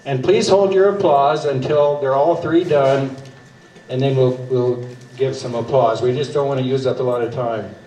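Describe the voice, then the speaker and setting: A man moderating a county debate, speaking plainly and haltingly with many fillers. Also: medium pitch, fairly even intonation, mellow. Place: public meeting room. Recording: roomy hall audio from far off, faint noise.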